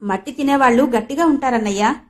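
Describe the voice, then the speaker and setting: A woman's voice: high voice, fast talker, darkish tone, lightly acted. A woman voicing a jovial, teasing young village man who banters cheekily in an audiobook reading.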